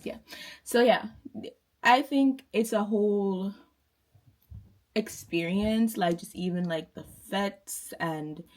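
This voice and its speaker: Chatty young Jamaican woman vlogging. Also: mid-range voice. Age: 20s. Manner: chatty, rambling, many fillers and restarts. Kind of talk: casual chat to camera.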